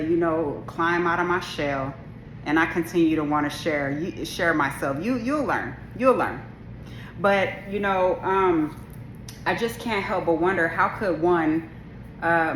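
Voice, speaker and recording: Her voice is deep and low but a bit bright, and she talks unhurriedly to camera in a casual, rambling monologue full of restarts and asides. This video creator sounds strong and assertive, and the echoey room adds a faint hum of ambience.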